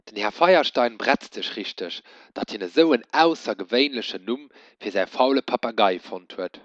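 A man reading a children's story aloud in an expressive storytelling manner. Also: mid-range voice, normal speed, no echo. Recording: dull dry lo-fi recording.

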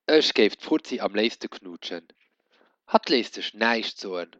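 A man reading a children's story aloud in an expressive storytelling manner. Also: on the low side, unhurried, no room sound. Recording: dull dry lo-fi recording.

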